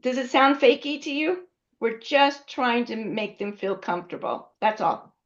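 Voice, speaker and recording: A woman's voice: a little high, a little slow. A woman teaching a class in a conversational way, often checking in with her students. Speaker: instructor. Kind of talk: classroom lecture. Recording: dull lo-fi recording.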